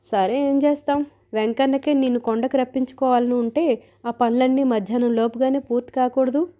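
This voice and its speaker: A devout, fretful old mother-in-law who scolds in a slow, raised voice, as a woman reader puts her on. The tone is warm and mellow, and the recording sounds dull and lo-fi. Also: high voice, fairly even intonation, close to an everyday voice. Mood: scolding.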